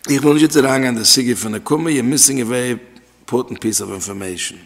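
A man with a gravelly, creaky voice gives a class on religious law. He repeats his key phrases and asks questions aloud. His voice rings out with a long reverb, as if in a hall. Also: medium pitch, fast. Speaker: religious teacher.

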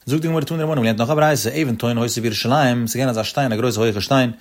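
Guy w/ ish doing a talmud lesson, sing-song, talks fast. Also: medium pitch. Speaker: Talmud teacher. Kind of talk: Talmud lecture.

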